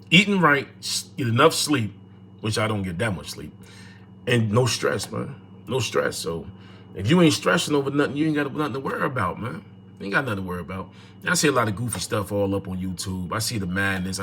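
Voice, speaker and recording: A man in his 40s from North New Jersey, USA, hosts a casual livestream, talking into his phone and greeting viewers in the chat. His talk is repetitive and preachy, his medium-pitched voice pushed and bright, with slight background noise.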